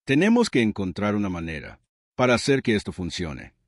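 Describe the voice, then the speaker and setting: A man voicing a stern, proud female alien queen in a sci-fi story reading, speaking calmly and firmly. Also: fairly low pitch, fairly quick, dry recording, studio quality. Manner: calm and firm.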